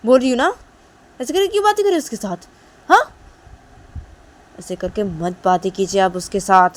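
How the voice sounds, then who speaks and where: A woman's voice: lowish voice, little pitch movement, normal speed, a little mellow, close to an everyday voice, low-quality recording. A woman voicing a young woman who firmly defends her girlfriend to her mother. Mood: insistent. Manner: firm, insistent.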